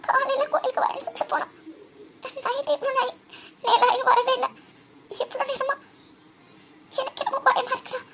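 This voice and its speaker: A woman's voice: very high voice, flat delivery, moderate pace, pauses often, very noisy. A woman voicing a tearful, anxious young woman in a cartoon drama. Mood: tearful worried. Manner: tearful, worried.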